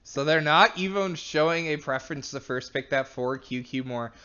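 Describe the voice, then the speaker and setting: A man's voice: fairly high pitch, normal speed, bright, forceful tone, clear, resonant tone, lo-fi sound. A man casting an esports match, chatty and analytical, laughing now and then. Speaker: esports caster. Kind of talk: play-by-play commentary.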